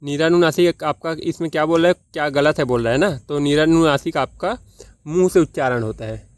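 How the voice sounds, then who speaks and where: Clear-voiced male tutor, dry close sound. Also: a little high, dry recording. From Chhattisgarh, India. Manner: repeats key points as questions and answers them himself; slow and deliberate, spelling out sounds one by one. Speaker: exam-prep teacher. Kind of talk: explaining quiz answers.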